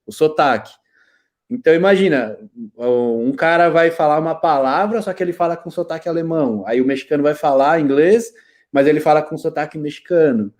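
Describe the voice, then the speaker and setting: Lively, fairly high Brazilian man. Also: a little fast. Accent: Brazilian Portuguese. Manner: lively storyteller, slangy, laughs often. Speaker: guest, IT specialist. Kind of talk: casual interview chat.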